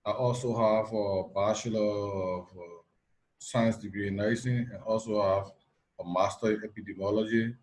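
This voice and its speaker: A man from Liberia, a nurse anesthetist, giving measured factual answers with pauses and fillers in a video call interview. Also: fairly low pitch, fairly even intonation, darkish tone, a little hiss or hum, poor audio.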